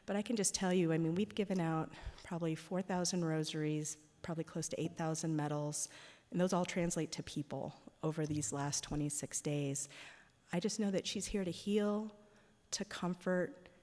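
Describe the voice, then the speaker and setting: A woman gives a casual talk in a church and tells her stories with plenty of "like" and "um." Her voice sits fairly low, and a long reverb from the big hall trails after each phrase. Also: fairly even intonation, normal speed, darkish tone. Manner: chatty, with many "like" and "um" fillers. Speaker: guest speaker at a parish.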